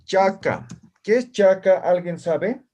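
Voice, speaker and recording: Speaking slowly in a fairly high, sing-song, somewhat mellow voice, this male language teacher runs a classroom lesson. Almost every phrase is followed by a quick question to his students, whose answers fill the room.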